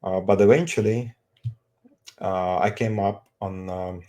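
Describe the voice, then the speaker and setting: A middle-aged man with an Azerbaijani accent introducing himself conversationally, speaking haltingly in non-native English phrasing. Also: low-pitched, steady tone, warm tone. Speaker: street evangelist, co-presenter.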